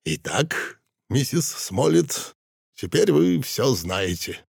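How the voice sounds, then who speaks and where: A man narrating a dramatic audiobook in a measured, expressive way. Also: medium pitch, creaky, husky, no echo, studio quality. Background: soft music.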